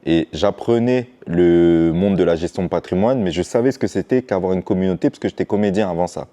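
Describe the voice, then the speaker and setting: A financial educator from the Paris suburbs of France, with a Martinican family, speaks as a podcast guest in a casual interview about his path. His low, dark voice moves a little fast, and he explains things informally and conversationally.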